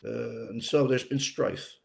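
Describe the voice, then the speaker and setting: Here the Newfoundland author sounds gravelly and slow, his mid-range voice keeping a fairly even intonation. The older man muses casually on writing as an interview guest, letting his reflections meander.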